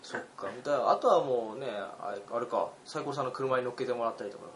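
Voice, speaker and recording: A young man in his twenties co-hosting a casual podcast chat, an animated storyteller who laughs often and acts out the lines of the people in his stories. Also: medium pitch, fast, a crowd in the background. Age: 20s. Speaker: podcast co-host. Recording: roomy recording with faint background hiss.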